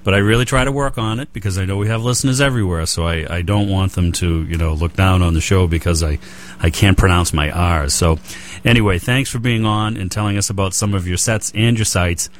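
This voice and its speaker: A man's voice: deep voice, a little fast, slight background noise. A man with a Boston accent hosting a radio hobby show, chatting loosely with many fillers and restarts. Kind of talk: casual interview chat.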